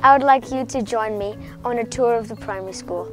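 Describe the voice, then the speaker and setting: A young student guide, cheerfully reading scripted tour lines. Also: female voice, a little high, fairly quick, faint music behind.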